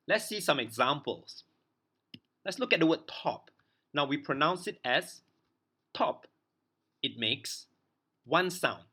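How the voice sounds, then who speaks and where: Guy teaching english grammar really slow, bright clear voice, spells stuff out letter by letter. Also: mid-range voice. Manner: spells out letters and repeats words slowly for learners. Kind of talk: slow explanatory grammar lesson.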